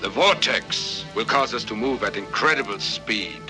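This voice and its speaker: An actor playing an obsessed starship commander and scientist, formal, imperious and oratorical, in a storybook dramatization. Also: male voice, on the low side, expressive, normal speed, music in the background, close to an everyday voice. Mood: grandiose, confident.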